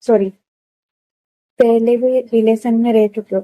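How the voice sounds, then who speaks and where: A woman voicing a curious, eager young woman in her twenties who keeps asking questions, with a hoarse throat. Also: on the high side, fairly even intonation, unhurried, no room sound, phone-quality sound, natural voice. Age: 20s. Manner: asks question after question.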